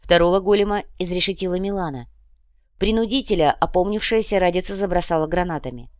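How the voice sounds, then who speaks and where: A woman reading an audiobook in a steady, dramatic manner. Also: on the low side, quick pace, clean tone, no echo, studio quality. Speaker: audiobook narrator. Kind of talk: scripted narration.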